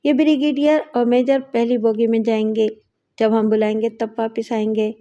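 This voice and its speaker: An armed male gang henchman, as a woman narrator does him, insistent and nagging in a storybook reading, pitched high and a little louder, with a mellow tone. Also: little pitch movement, highs cut off, natural voice.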